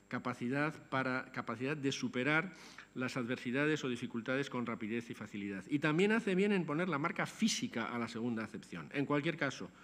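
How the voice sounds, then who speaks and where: An older man gives a measured, scholarly lecture, turning to the audience with asides. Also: medium pitch, fairly bright tone. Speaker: lecturer on language. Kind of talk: academic lecture. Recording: long hall reverb.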